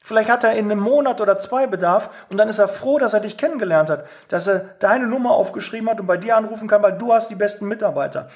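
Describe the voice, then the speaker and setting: A man's voice: high voice, fast, few pauses. A man giving a direct, emphatic motivational talk on sales, acting out quoted phone calls. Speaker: sales coach.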